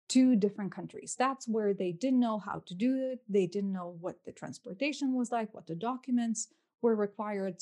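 A woman in her thirties, a native Lithuanian speaker with a Lithuanian accent, answers a podcast host's questions conversationally as a guest and coach. Her voice is mid-range and a little mellow.

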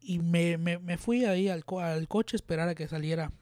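A young Mexican man with a high voice, telling an anecdote to a friend on a podcast. He acts out the dialogue with sudden loud bursts. The sound is dry and close. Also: normal speed, no room sound. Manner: animated storyteller, acts out quoted lines with loud bursts and laughs. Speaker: podcast co-host. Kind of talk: casual storytelling chat.

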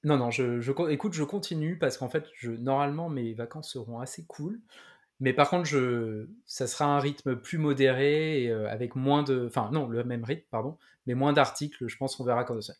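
A man's voice: mid-range voice, moderate pace. A man co-hosting a podcast in casual chat, talking with many fillers and restarts. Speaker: podcast co-host.

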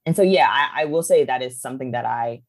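A woman with an unusually deep, low voice speaks in a relaxed, conversational way. She is a guest organizer from Charlotte, North Carolina, and often pauses on "um" and "like" as she strings thoughts into loose lists. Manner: relaxed, frequent "um" and "like", trailing lists. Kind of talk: casual conversational discussion.

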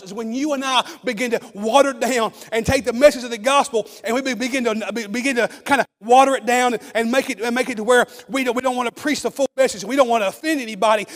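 A male pastor, preaching a sermon from the pulpit in a hoarse voice, with fervent repetitions and restarts. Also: extremely high pitch. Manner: fervent preaching with frequent restarts and repeated words. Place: church sanctuary, at the pulpit. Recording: long church reverb.

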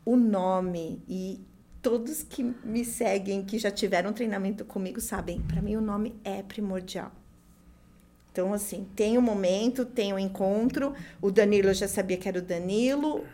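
Speaking at normal speed in a mellow, medium-pitched voice, a woman with a Brazilian accent explains things as a guest trainer for hair-salon services. Her conversational delivery is emphatic and didactic, and she repeats key points.

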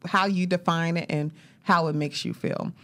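A woman's voice: lowish voice, steady tone, normal speed, a bit bright. A middle-aged woman co-hosting a podcast, chatting casually and animatedly, laughing often. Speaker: podcast co-host. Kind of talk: casual chat.

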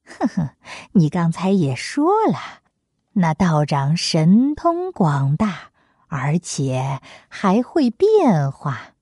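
Cocky male monkey king, lowered and coaxing, played by a woman storyteller. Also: sing-song, takes it slowly, warm tone, breathy edge, no echo, clean studio sound, full character voice. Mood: sly.

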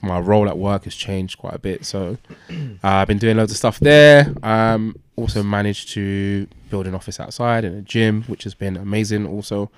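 A man's voice: on the low side, fairly even intonation, moderate pace, hardly any pauses, smooth, no room sound, clean studio sound. A man, chatting casually as a guest on a podcast.

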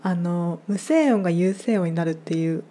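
A woman's voice: fairly low pitch, normal speed, mellow. A woman hosting her own podcast, explaining things in a casual, chatty way with lots of fillers and restarts. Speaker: podcast host. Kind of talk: casual solo podcast talk.

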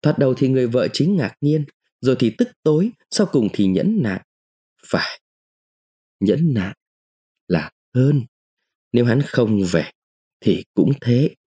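A man reading a literary short story aloud in the first person, with an expressive, dramatic delivery. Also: medium pitch, moderate pace, slightly rough. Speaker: narrator.

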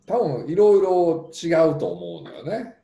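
A man's voice: sits high, a little slow, roomy sound. A man with a Kansai accent hosting a casual podcast chat, musing aloud with many fillers. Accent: Kansai Japanese. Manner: relaxed, musing, full of fillers.

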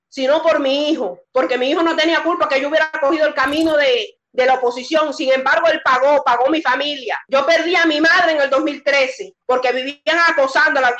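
A woman's voice: high voice, pushed and bright, lo-fi sound. A woman from Cuba with a Cuban Spanish accent, calling in as a former dissident and telling her story with emphatic repetition. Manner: emphatic, repeats key phrases. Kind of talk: impassioned call-in testimony.

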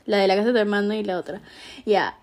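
A woman's voice: medium pitch, steady tone, quick pace, a little mellow. A young woman with a Peruvian Spanish accent, telling a story in casual chat and laughing often.

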